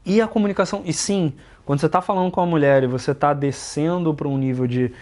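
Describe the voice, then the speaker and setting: A young man hosting a casual podcast chat about dating, animated, swinging his loudness and pitch, swearing for emphasis. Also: fast talker. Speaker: dating coach and host.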